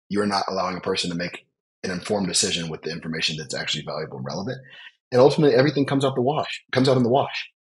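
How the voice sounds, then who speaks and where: A man's voice: lowish voice, husky, low-quality recording. A man speaking as a business leader guest on a podcast interview, earnest and reflective, stressing his points.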